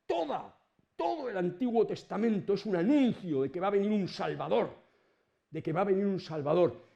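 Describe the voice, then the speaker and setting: Lively Spanish-accented male lecturer. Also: high-pitched, moderate pace, creaky, muffled recording. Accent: Spain Spanish. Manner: colloquial, animated, swears casually. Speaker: university lecturer. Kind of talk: informal lecture to students.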